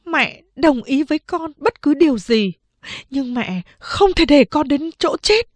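A woman's voice: high voice, expressive, a little slow, dry recording, pitched above the performer's own voice. A woman voicing a frightened, stern mother who speaks sharply and anxiously in an audiobook.

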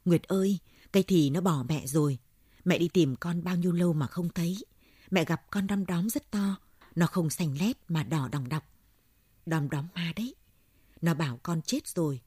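A woman's voice: lowish voice, warm tone, breathy edge, no room sound, clean studio sound. A woman voicing a dazed, rambling old village woman. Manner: rambling, bewildered.

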